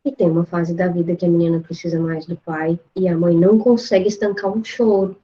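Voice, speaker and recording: A woman, a therapist calmly explaining during a live therapy class. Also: on the low side, fairly quick, highs cut off.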